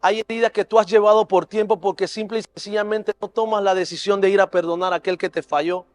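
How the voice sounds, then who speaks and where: A man with a notably high voice delivers a sermon testimony at a church service. He speaks earnestly and emotionally, building toward fervent preaching. Soft music plays faintly behind him. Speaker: preacher and youth leader.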